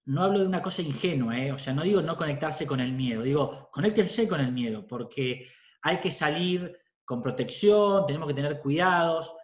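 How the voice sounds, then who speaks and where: A man's voice: on the high side, normal speed, reverberant. A middle-aged man with a Rioplatense Spanish accent, a psychologist giving parents an informal talk, often checking in with a questioning "¿sí?". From Argentina. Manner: conversational, often adds a questioning "¿sí?".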